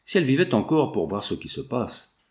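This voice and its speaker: A man's voice: mid-range voice, sing-song, a little fast, a little mellow, lightly acted. A man voicing a coarse, mocking male brigand sentry in an audiobook. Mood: grumbling. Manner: mocking, crude cackle.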